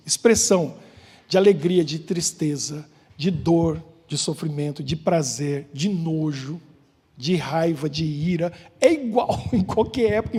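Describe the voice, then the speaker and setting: High husky Brazilian pastor in a reverberant hall. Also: male voice, a little mellow. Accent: Brazilian Portuguese. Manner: joking, chatty, asks the congregation questions. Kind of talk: informal sermon with banter. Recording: long church hall reverb.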